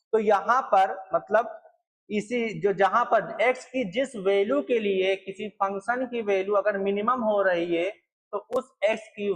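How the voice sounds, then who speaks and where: This is a low-quality recording of a young man teaching math at a board. His voice is high, and he goes over points repeatedly while quizzing his students.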